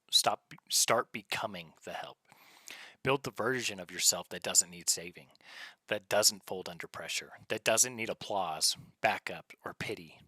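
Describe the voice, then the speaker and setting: Forceful, low-voiced man giving tough motivation. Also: dry recording. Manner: blunt, commanding, short punchy phrases. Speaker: motivational speaker. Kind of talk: scripted motivational speech in a stern military drill style.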